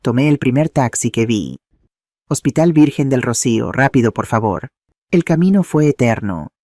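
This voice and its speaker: A man narrating a first-person family drama in a steady, dramatic storytelling manner. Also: medium pitch, normal speed, dry recording, clean studio sound.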